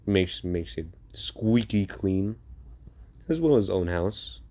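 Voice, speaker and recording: Slow, low-voiced young man rambling a tale. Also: animated, mellow. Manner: rambling, many fillers and restarts. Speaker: storyteller. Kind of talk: casual fan-fiction storytelling.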